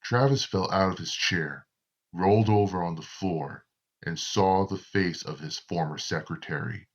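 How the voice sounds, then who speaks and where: A man narrating a horror story in a slow, deliberate storytelling manner. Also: sits low.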